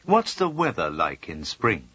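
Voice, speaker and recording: Lively low-voiced man asking questions. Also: unhurried, husky, no echo. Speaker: language course speaker. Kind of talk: scripted course questions. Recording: dull lo-fi audio.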